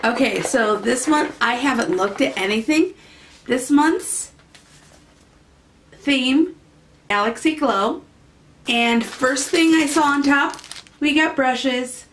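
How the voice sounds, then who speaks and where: A woman's voice: high voice, slow, long pauses, fairly bright tone, slight background noise. A woman beauty vlogger casually chatting through a makeup unboxing, rambling and easily delighted, sometimes in a sing-song voice.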